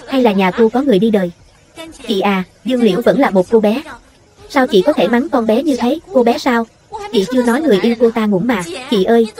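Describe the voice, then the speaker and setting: A woman reading a voice-over for a dubbed drama, voicing every part in a steady read-out delivery. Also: on the high side. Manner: steady read-out delivery across all parts.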